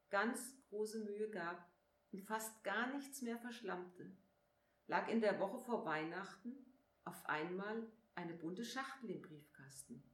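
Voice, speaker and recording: A woman reading a children's story aloud in a calm, clear storybook manner. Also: medium pitch. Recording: echoey room.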